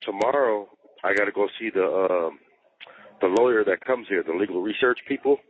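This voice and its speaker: This is a personal call from jail, heard through a thin, tinny line. The man's voice is fairly low and his pace moderate as he goes over things again and again, dropping slang and curse words along the way.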